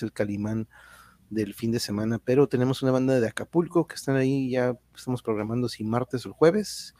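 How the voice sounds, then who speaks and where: A man's voice: mid-range voice, mellow, no room sound. A man with a Mexican accent hosting a livestream, chatting informally with viewers in a rambling, slangy way. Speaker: livestream host. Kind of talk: casual chat with viewers.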